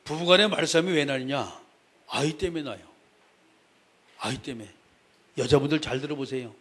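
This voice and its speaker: A man's voice: fairly high pitch, brisk, fairly bright tone. A male pastor preaching a sermon in a conversational way, speaking straight to the congregation and repeating his key phrases for emphasis.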